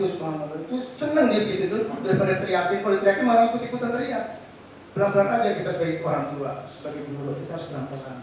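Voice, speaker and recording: A middle-aged teacher giving an informal seminar talk, gentle and patient, asking his audience rhetorical questions. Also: on the high side, slight background noise. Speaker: teacher speaking at an education seminar. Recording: echoey hall, speaker far from mic.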